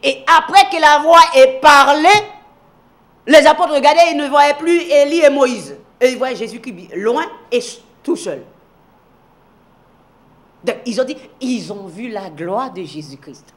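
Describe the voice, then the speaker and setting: A man giving a televised Bible teaching, reading scripture aloud and speaking straight to viewers, moving between loud emphatic declarations and hushed low asides. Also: unhurried. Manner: reads scripture aloud and addresses viewers directly.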